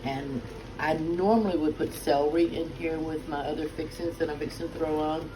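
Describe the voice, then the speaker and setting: A woman's voice: sits low, fairly even intonation, moderate pace. Mama type, middle-aged, chatty home cook, lots of uhs, noisy kitchen behind her. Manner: chatty, homey, many "uh" fillers. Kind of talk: casual cooking demonstration.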